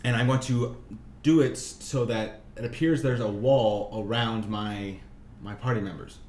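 A man's voice: mid-range voice, fairly even intonation, a little slow, a little mellow, echoey room. A man playing a tabletop game, explaining his spell with hesitant fillers. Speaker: player. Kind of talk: casual tabletop gaming chat.

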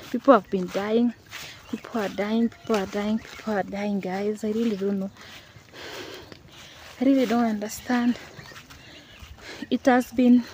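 Holding her phone at arm's length in green countryside, a young Kenyan woman speaks earnestly to the camera, pleading and repeating herself. Her voice is on the high side and warm in tone. The outdoor phone recording picks up clear background noise.

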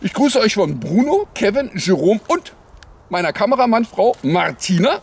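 A high-voiced man delivers satirical headlines as a parody news anchor. His intonation swings widely as he rambles with sarcastic, mock-naive asides and repeated little confirmations. Faint ambient noise sits behind the voice. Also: sing-song, normal speed, darkish tone. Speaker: host of a satirical news show. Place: outdoors in the cold.

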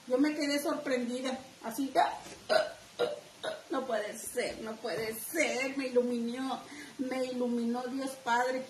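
A woman's voice: sits high, far from the mic. A middle-aged woman with a northern Mexican accent teaching a live craft class, chatty and talking straight to her viewers. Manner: chatty, addresses viewers directly. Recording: echoey room, faint background noise.

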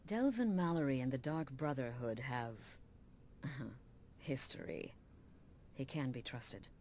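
A woman's voice: very deep voice, takes it slowly, background noise. An actress voicing a hard-edged female assassin guild leader in a video game, blunt and commanding with a wry edge. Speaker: game character.

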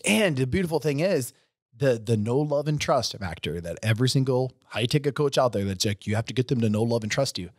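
Lively and a little fast, a medium-pitched man in his forties co-hosts a business podcast with the emphatic energy of a coaching pep talk. He records dry, on a studio mic on a boom arm with headphones, from a gym.

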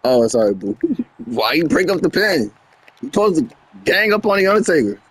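A man streaming a wrestling video game, reacting with loud exclamations and cursing at the action. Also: sits high, very animated, fairly quick, husky, poor audio. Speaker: gaming streamer. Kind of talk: casual gameplay commentary.

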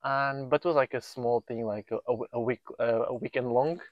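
A man in his thirties, a Portuguese-speaking volunteer builder, gives an outdoor interview at a countryside building site through a lapel mic. His medium-pitched voice is steady and brisk, though he hesitates and restarts sentences while hunting for words, and the audio has cut-off highs and a little hiss or hum.

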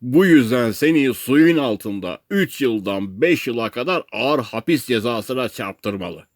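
A man's voice: medium pitch, expressive, a little slow, no room sound, natural voice. Man voicing a complaining castaway buddy in a storybook, cursing, close dry sound. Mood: indignant. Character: grumbling male shipwrecked companion.

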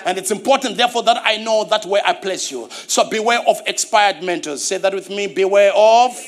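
A middle-aged Zimbabwean-accented pastor preaches a sermon from a church stage in a voice that sits high and moves briskly. He is animated, repeats key phrases and calls for responses.

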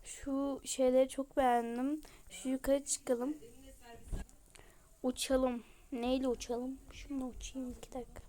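A woman giving casual, excitable commentary as she plays a game, gushing over cute things. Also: high-pitched, measured pace, slight background noise. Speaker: game vlogger.

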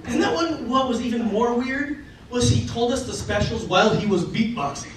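A man from South Dakota doing a stand-up comedy set with animated, self-mocking storytelling on a club stage. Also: very high voice, moderate pace. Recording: echoey club from far off, loud noise.

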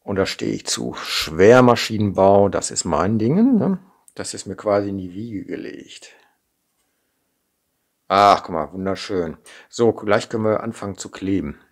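Gravelly Ruhr-accented man thinking aloud. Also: fairly low pitch, animated, unhurried. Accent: Ruhr German. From Ruhr area, Germany. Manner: chatty, thinking aloud while working, frequent "ne?" tags. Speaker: model kit maker. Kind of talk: unscripted hands-on build demonstration. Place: indoor workbench. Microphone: camera mic over a tabletop, hands in frame.

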